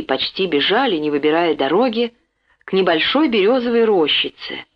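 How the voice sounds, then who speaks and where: A woman narrating an audiobook in a steady, expressive reading voice. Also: medium pitch. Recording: dull lo-fi recording.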